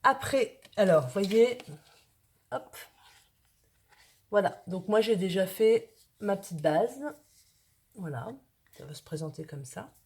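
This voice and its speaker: Woman, from northern France, craft tutorial host; slow, warm-toned, chatty. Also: mid-range voice, animated. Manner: chatty, talks to viewers while working with her hands. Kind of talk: casual craft tutorial narration.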